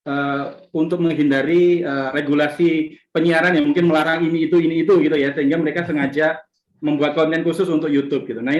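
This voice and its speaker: Man, webinar moderator, echoey room, dull lo-fi audio, hesitant fillers. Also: on the high side. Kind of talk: webinar question.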